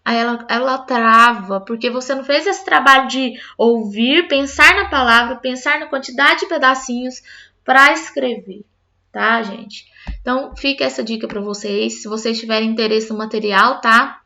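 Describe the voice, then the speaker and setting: A woman's voice: fairly high pitch, moderate pace, sharp tone, dull audio. A woman teacher explaining a classroom literacy activity to other teachers, often checking in with her listeners. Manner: explanatory, addresses listeners as "gente" with frequent "tá?".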